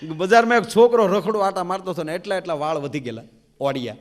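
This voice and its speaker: Guy doing live comedy stories, kinda high voice, loud swings into characters. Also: quick pace. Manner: animated, acts out characters, big loud swings. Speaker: folk comedian. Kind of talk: live stand-up storytelling.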